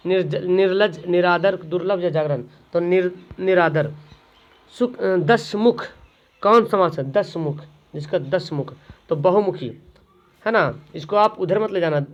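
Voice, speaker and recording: A man's voice: high-pitched, muffled recording. A man, tutoring students through exam questions, repeating each question and then answering it himself.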